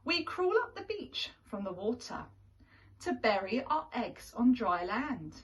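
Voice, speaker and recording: A woman voicing a patient, matter-of-fact mother sea turtle from a children's storybook, gently explaining. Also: on the high side, big pitch swings, measured pace, recorded from a distance.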